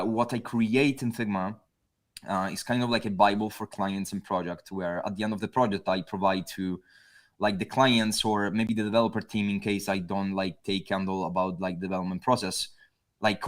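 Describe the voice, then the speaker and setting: Italian guy, kinda low voice, lots of "like" fillers, casual panel chat. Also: steady tone. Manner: halting, full of "like" fillers. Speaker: guest designer. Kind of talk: casual panel chat over a video call.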